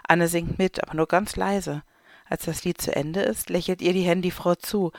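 A narrator reading a children's story aloud in a calm, clear way. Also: mid-range voice, normal speed, no echo, clean studio sound. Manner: calm, clear read-aloud delivery with light voices for characters.

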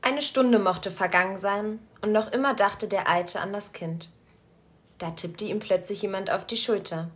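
A woman narrating a story aloud in a calm, measured storytelling voice. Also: medium pitch. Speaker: story reader.

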